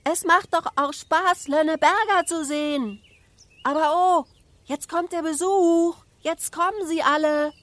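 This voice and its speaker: A woman voicing a small, cheeky farm girl who calls out in a shrill, excited voice. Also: moderate pace, few pauses, breathy edge, dry recording. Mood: gleeful.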